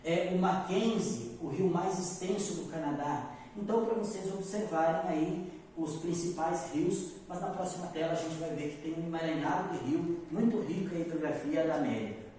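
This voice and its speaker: A man's voice: a little high, normal speed, warm tone, slight background noise. A Brazilian man teaching geography, explaining step by step and checking in with his students. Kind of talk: recorded geography lesson. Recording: echoey room, mic far off.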